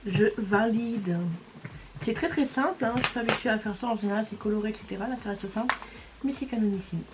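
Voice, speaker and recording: A woman's voice: a little high, fairly quick, background noise. A woman, casually talking through each step of a makeup tutorial. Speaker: beauty vlogger.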